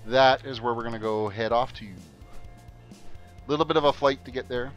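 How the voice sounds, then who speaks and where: A man's voice: medium pitch, moderate pace, lo-fi sound, soft background music. A man chatting casually as a game streamer into a headset mic, laid-back and full of filler ums. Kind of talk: casual livestream chat while gaming. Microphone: headset mic on a livestream.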